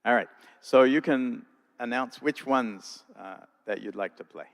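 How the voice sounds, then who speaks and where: A man hosting a church concert talk, jovial as he gently keeps things on time. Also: medium pitch, unhurried, vocal fry, long reverb tail. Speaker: event host. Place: church sanctuary.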